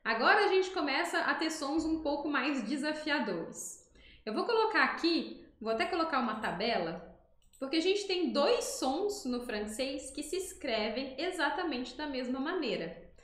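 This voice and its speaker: A Brazilian woman teaches an online French lesson with screen demonstrations, patiently explaining each sound and slowly repeating words for learners to copy. Her slightly high, a bit bright voice swings widely in pitch, and her room gives a noticeable echo.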